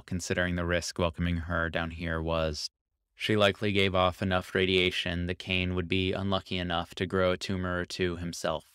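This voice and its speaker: Calm and even, a man reads a scripted short story in a low, deep voice that is smooth and resonant. The audio is close and dry, free of any room sound.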